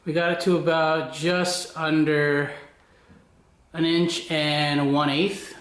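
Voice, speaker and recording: A man's voice: fairly high pitch, flat delivery, slow, a bit bright. A man chatting casually in a workshop vlog, out of breath and sweating, talking himself through the job with self-deprecating asides. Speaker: woodworking vlogger. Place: home workshop. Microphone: handheld USB mic. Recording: echoey workshop, faint noise.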